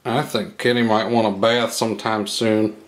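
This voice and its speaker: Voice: medium pitch, level tone, normal speed. A person doing playful baby talk to a pet cat in short cooing phrases and questions, recorded on a handheld camera in a bathroom. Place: small tiled bathroom with a bathtub, indoors. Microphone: handheld camera held by the speaker. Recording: echoey bathroom, camera microphone.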